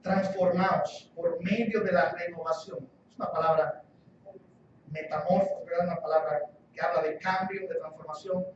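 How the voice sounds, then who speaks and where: A man's voice: on the high side, fairly even intonation, moderate pace, slight background noise. A man preaching a sermon as guest pastor, emphatic, repeating key phrases and asking rhetorical questions. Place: church hall. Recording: echoey church hall, distant dull mic.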